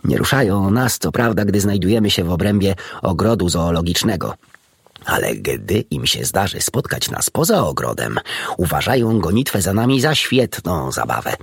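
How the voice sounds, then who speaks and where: A man's voice: sits low, sing-song, normal speed, vocal fry, slightly rough, dry recording, full character voice. Man voicing a polite badger with a toothache. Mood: eager.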